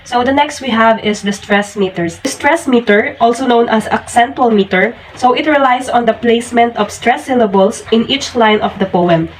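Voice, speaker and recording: A woman's voice: on the high side, normal speed, few pauses, far from the mic, rough recording. A woman walks through a poetry lesson point by point in a recorded teaching demonstration. She sits well back from the microphone. A faint hum of room noise sits under her voice. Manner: explains in steady steps, starting many sentences with "so". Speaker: student teacher presenting a lesson.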